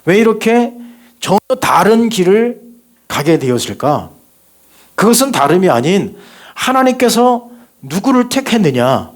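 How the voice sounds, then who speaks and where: A Korean male pastor delivering a sermon in a church sanctuary with a fairly high voice. He keeps asking rhetorical questions and calls for the congregation to repeat after him. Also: sing-song, a little slow, pauses often. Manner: rhetorical questions, call and response.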